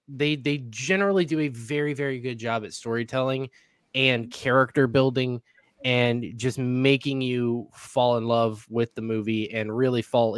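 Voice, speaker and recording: A man's voice: medium pitch, smooth, dry recording. Male panelist, mid voice, dry recording, loose conversational chatter. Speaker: podcast panelist. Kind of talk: casual chat.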